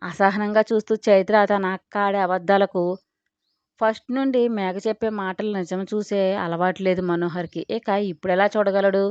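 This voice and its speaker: A woman's voice: mid-range voice, fairly even intonation, normal speed, a little mellow, clean tone, no room sound. A woman telling a dramatic serialized audio story in scripted narration. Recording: dry, dull lo-fi recording.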